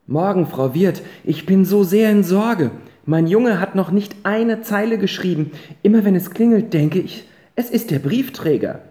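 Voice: medium pitch, very animated, normal speed, dark tone, pitched above the performer's own voice. A reader voicing an anxious small-town hairdresser mother who talks in fretful, breathless exclamations. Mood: worried. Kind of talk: audiobook character reading. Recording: roomy echo.

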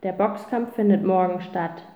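A woman's voice: mid-range voice, fairly even intonation, normal speed, close to an everyday voice. A woman reading a storybook and voicing a clever boy who hands out verdicts like a schoolmaster. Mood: decisive. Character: bossy clever boy who grades others. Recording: roomy, tinny phone-like sound.

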